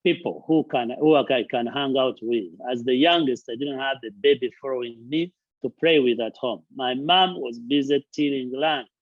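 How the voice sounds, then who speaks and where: This channel host and charity founder from Uganda speaks at a moderate pace in a mid-range voice. The dry recording has narrow, tinny audio as he delivers an earnest motivational talk indoors at a friend's house, underlining points with lists and repeated words.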